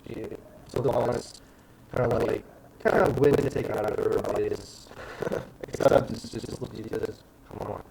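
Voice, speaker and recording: A man narrating as game master, rambling and hesitant, often pausing with fillers. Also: lowish voice, steady tone, gravelly, warm tone. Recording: noisy background.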